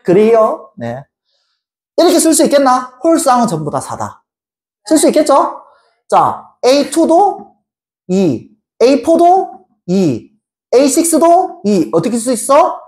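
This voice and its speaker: A woman's voice: high-pitched, very animated, darkish tone. Playful woman math teacher. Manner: playful, teasing students with chanted repetitions; addresses students directly with quick questions. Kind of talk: lively classroom lecture.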